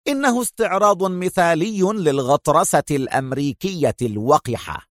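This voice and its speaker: A man voicing a shrewd, suspicious Italian restaurant owner who speaks in a smooth, guarded, calculating way. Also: fairly high pitch, expressive, normal speed, no room sound, studio quality, pitched above the performer's own voice, lightly acted.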